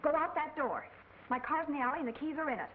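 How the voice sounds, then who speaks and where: An actress playing a brassy, quick-witted screwball comedy dame, in snappy 1940s film style. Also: female voice, high voice, lively intonation. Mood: urgent, bossy. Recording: tinny, hissy old film soundtrack.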